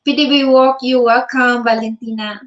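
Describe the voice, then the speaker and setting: A woman's voice: fairly high pitch, fairly even intonation, moderate pace, highs cut off. A Filipino woman doing a casual livestream from her bed on her phone, reading out viewer comments, mixing Tagalog and English and laughing often. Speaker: livestream vlogger. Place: in bed at home.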